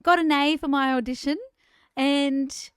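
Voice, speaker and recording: In a clean studio recording without echo, a Queensland woman in her forties chats on the podcast she co-hosts, recounting her own experiences with self-deprecating humour. She speaks in a high pitch at a measured pace, her intonation fairly even.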